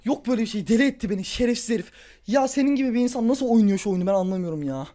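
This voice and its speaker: Gaming YouTuber, male, high-pitched voice, furious ranting let's-play commentary. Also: lively intonation, racing. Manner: furious ranting and yelling at an opponent; muttering and grumbling after the game.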